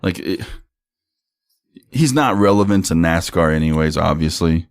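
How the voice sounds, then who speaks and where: A young man co-hosts a casual sports podcast with a deep, low-pitched voice. He talks bluntly, swears freely and laughs as he reads posts aloud. The sound is dry and close to the mic. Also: lively intonation, unhurried, clean tone, dry recording. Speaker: podcast co-host.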